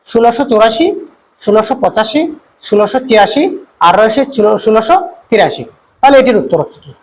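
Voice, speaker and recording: In a rough recording, a male teacher with a high-pitched voice reviews multiple-choice exam items. He says each question again, reads through the options, then supplies the answer, filling pauses with lengthy "uh" sounds.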